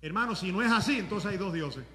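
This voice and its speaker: A man pastor preaching a sermon in a conversational way, at times rising to shouts. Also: sits high, expressive, fast, echoey room, long reverb tail.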